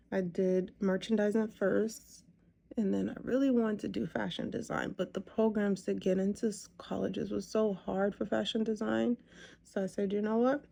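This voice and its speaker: Warm and mid-range with noticeable vocal fry, her voice carries a loose, um-filled ramble. She's a makeup vlogger in her thirties, chatting as she applies her makeup.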